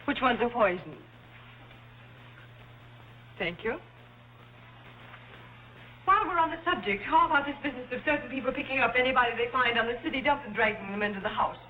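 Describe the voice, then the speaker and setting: An actress playing a snide, condescending young adult daughter, from a dull 1930s film soundtrack with faint hiss. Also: female voice, on the high side, expressive, fairly quick, long pauses, natural voice. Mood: catty. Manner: catty and condescending.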